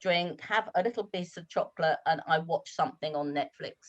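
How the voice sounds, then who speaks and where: A woman's voice: low-pitched, fairly quick, muffled recording. A woman from the United Kingdom, a guest teacher, talking candidly and chattily on a video call, with hesitant restarts. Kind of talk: casual online talk.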